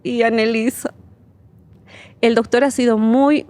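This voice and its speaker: A woman's voice: fairly high pitch, fairly even intonation, slow, darkish tone. A woman speaks as a guest on an interview podcast, telling her testimony of faith. She talks with heartfelt emotion, acts out what others said to her, and laughs nervously between phrases. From Bolivia.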